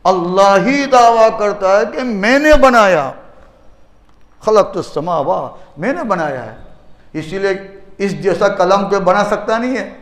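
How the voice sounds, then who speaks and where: A man's voice: high voice, lively intonation. A man giving a Friday sermon as a mufti in a mosque, driving points home with rhetorical questions and repeated phrases. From India. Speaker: mufti preacher. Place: mosque hall. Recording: echoey mosque hall reverb.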